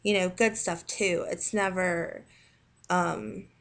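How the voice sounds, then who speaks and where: A woman with a Southern American accent talks at an unhurried, drawn-out pace. Her voice sits a little low, and she stops often, restarting her sentences as she chats in a casual video response. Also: steady tone. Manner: halting, many pauses and restarts. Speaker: video blogger.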